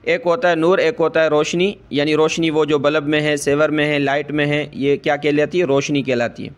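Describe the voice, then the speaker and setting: A man teaching Quran recitation. He explains each rule slowly, checks in with "ठीक है" over and over, and chants the verses long and drawn out. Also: on the high side, level tone. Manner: says "ठीक है" often to check the listener. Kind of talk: Quran tajweed lesson.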